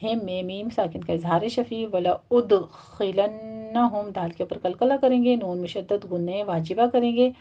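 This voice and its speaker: Female recitation teacher, methodical step-by-step explainer, slow chanted recitation, muffled lo-fi sound. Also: medium pitch. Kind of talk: tajweed lesson, explaining rules and reciting verses. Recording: dull, muffled lo-fi audio.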